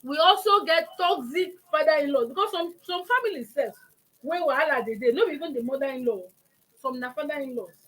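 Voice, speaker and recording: A woman's voice: high voice, expressive, a little fast, a bit bright, rough recording. A woman with a Nigerian accent hosting a conversational talk, acting out examples as she explains. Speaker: talk show host.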